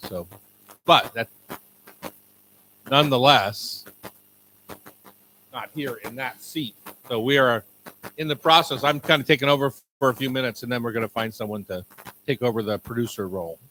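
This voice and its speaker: A man hosting a live radio show from a kitchen before an audience, chatting and joking in a relaxed way. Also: medium pitch, moderate pace, long pauses, a little hiss or hum, rough recording.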